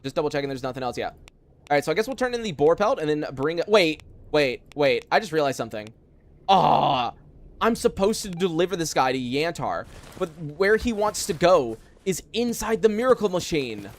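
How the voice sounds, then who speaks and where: At a normal pace, a fairly high-pitched young man talks with big swings in pitch. He's live-streaming gameplay from home, rambling chattily, answering chat, and using plenty of fillers.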